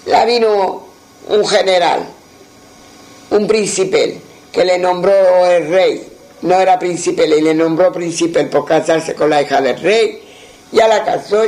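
A man telling an oral folk tale, halting and repeating words as he recalls it. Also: high voice, a little mellow, low-quality recording. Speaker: storyteller.

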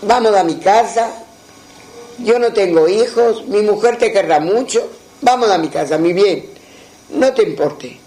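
A man's voice: high voice, unhurried, mellow, rough recording. A man with a Moroccan Judeo-Spanish accent voicing a kindly older merchant in a folk tale, reassuring and fatherly.

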